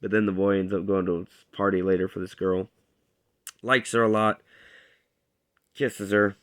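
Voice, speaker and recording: A man's voice: low voice, little pitch movement, moderate pace, a bit bright. A man casually recapping a TV episode, rambling with plenty of fillers and hesitations. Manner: rambling, lots of fillers, acts out characters' lines. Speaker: TV show reviewer.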